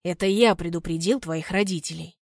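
A woman voicing a calm, easygoing young man in an audiobook, speaking low and relaxed. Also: fairly quick, dry recording, studio quality, natural voice.

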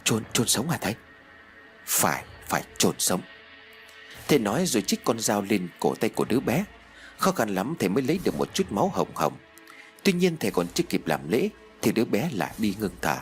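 Expressive male horror audiobook narrator. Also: fairly low pitch, fast talker, faint music behind. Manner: expressive, dramatic storytelling.

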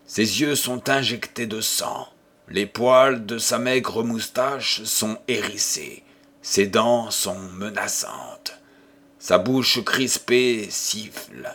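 A man reading a novel aloud as audiobook narrator, measured and deliberate. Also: on the low side, fairly bright tone. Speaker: audiobook reader. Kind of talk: scripted narration.

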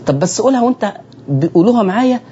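A man's voice: high-pitched, animated, racing, dark tone, muffled recording, slight background noise. A man with an Egyptian accent teaching Quran recitation on a broadcast lesson, speaking straight to his listeners and repeating key phrases.

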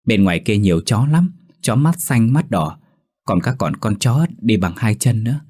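A man's voice: lowish voice, animated, normal speed, a little mellow, breathy edge. A man voicing a frightened little boy who stammers and speaks timidly.

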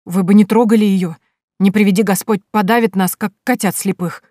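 A woman reading aloud, voicing an excitable, cheeky village boy who blurts out folksy speech. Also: medium pitch, brisk, dry recording, studio quality, pitched above the performer's own voice, natural voice. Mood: fearful.

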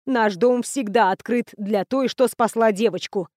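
A woman voicing a stern older female professor and matriarch who speaks in a brisk, authoritative way. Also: on the high side, darkish tone, dry recording, studio quality, lightly acted.

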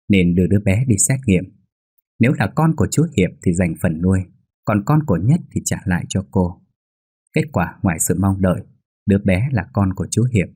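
A man narrating a scripted horror story in a steady, even reading. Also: sits low, husky, no echo, studio quality. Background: faint music.

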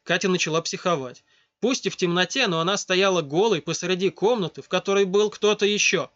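A man reading a story aloud in a steady, scripted narration. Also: high-pitched, brisk. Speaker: audiobook narrator. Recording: dull lo-fi dry recording.

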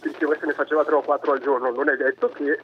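A man's voice: on the high side, flat delivery, racing, dull audio, a little hiss or hum. A man from the Brescia area calling a radio show over the phone, talking hesitantly with lots of fillers. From province of Brescia, Italy. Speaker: radio call-in caller. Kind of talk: casual phone-in chat.

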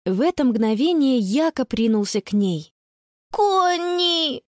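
A woman narrating a children's audiobook with expressive storytelling. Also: a little high, moderate pace, no echo, studio quality.

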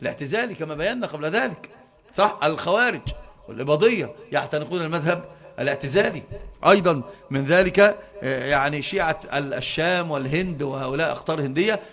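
Fast-talking Egyptian religious teacher. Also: male voice, fairly high pitch, a bit bright. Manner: fervent, often stalls on repeated syllables. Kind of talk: explaining a religious book to students.

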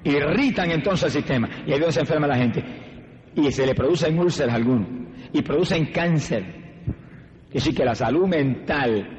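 Fervent older preacher. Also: male voice, fairly high pitch, darkish tone. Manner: fervent, shifting between slow emphasis and rapid bursts. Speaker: evangelist preacher. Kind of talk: sermon. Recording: old radio broadcast, dull with long reverb and faint hiss.

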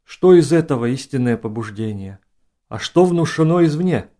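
A man reading an audiobook who voices a composed, commanding princess in hushed, measured speech. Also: medium pitch, animated, close to an everyday voice. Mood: pondering.

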